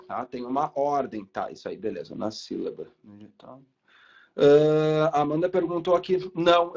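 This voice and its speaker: A man's voice: on the high side, a little mellow, muffled recording. A young adult man, teaching a live online class in a casual, chatty way with light swearing. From Brazil.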